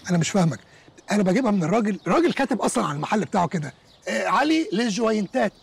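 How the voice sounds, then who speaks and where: Touchy Egyptian sitcom guy who drops English words, pitched high and quick. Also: big pitch swings, gravelly, breathy edge, heavily acted. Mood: fussy. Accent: Egyptian Arabic. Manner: indignant, whiny, takes offense easily. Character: fussy, touchy man who sprinkles English words into his talk. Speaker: sitcom character. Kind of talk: TV sitcom acting.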